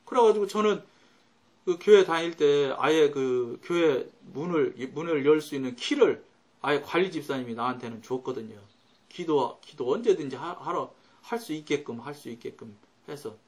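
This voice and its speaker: A middle-aged male pastor preaching in a high, lively voice that rises and falls a great deal. He tells his story with sudden swings between loud outbursts and quiet, low asides. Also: normal speed. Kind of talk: sermon.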